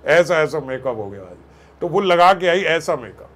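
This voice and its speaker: A man telling a devotional katha as a sermon, animated, acting out voices and joking with listeners. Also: on the high side, moderate pace. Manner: animated, acts out voices and jokes with the audience. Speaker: katha storyteller.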